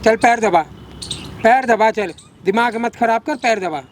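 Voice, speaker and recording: A man's voice: very high voice, a little slow, a little hiss or hum. A middle-aged actor playing a domineering widowed man who keeps ordering a young woman around, in a short-film drama. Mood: bossy. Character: coercive widowed older man, bossy.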